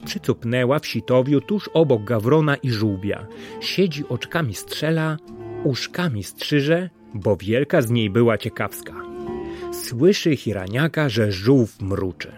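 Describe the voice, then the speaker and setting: A man narrating a storybook tale in a calm, gently expressive way. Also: mid-range voice, unhurried, faint music behind. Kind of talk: storybook reading.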